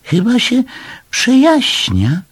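A man voicing a small, timid, excitable male creature who squeaks in a children's story. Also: slow pace, breathy edge, exaggerated voice. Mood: squeaky, eager.

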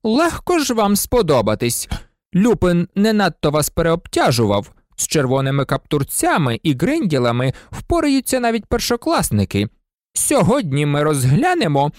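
An audiobook reader voicing a cold, sneering male professor with a slow, silky, menacing delivery. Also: mid-range voice, wildly swooping pitch, no echo, studio quality, voice pushed up. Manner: icy, contemptuous.

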